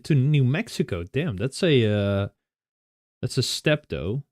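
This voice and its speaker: A man's voice: medium pitch, sing-song, slow pace, a little mellow, no echo, clean studio sound. A young Dutch man with a Dutch accent, chatting casually with viewers, often laughing and restarting his sentences. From Netherlands. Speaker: streamer.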